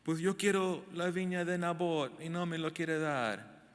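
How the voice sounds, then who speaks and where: A man's voice: on the high side, fairly even intonation, a little slow, smooth, voice pushed up, lightly acted. A man voicing a greedy adult king who whines and complains. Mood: whining. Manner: whiny, complaining. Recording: echoey hall, long reverb.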